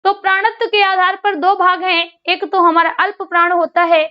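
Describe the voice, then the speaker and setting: A woman's voice: very high-pitched, little pitch movement, moderate pace, dull audio. A woman teaching grammar in an online exam-prep lesson. She asks a question, answers it, then repeats it, and she sounds out syllables aloud for drilling.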